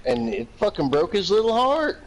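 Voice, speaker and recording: A man's voice: high-pitched, wildly swooping pitch, moderate pace, low-quality recording. A man from Virginia telling long, profane, rambling anecdotes in casual chat, laughing often. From Virginia, United States.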